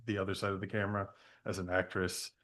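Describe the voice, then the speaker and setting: A man hosts a podcast and chats casually with his guest. His voice sits low for a man, and he speaks in an easygoing way, often pausing and reaching for "uh" and "like". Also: little pitch movement, a bit bright. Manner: hesitant, many fillers, easygoing. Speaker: podcast host. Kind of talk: casual interview.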